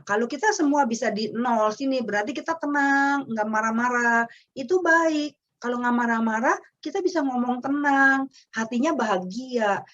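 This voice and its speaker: A woman's voice: fairly high pitch, fairly bright tone, muffled recording. A woman giving a parenting webinar talk, explaining step by step and acting out what a parent might say to a child. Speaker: parenting speaker.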